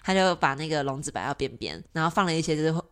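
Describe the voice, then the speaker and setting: A woman's voice: low voice, animated, quick pace, a bit bright. A woman with a Taiwanese Mandarin accent telling anecdotes in casual chat, animatedly, with sound effects and emphatic repeats. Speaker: volunteer cat trapper on a podcast.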